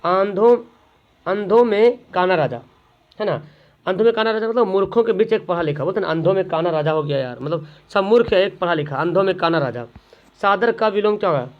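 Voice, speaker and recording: A man's voice: high voice, expressive, fairly quick, dull audio. A man, tutoring students through exam questions, repeating each question and then answering it himself.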